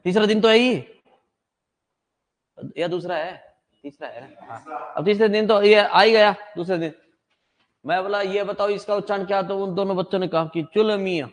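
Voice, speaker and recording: A man's voice: high-pitched, moderate pace, long pauses. A man teaching a class, chatty and teasing, quizzing his students on how letters are said. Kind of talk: joking classroom lecture. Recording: long hall reverb.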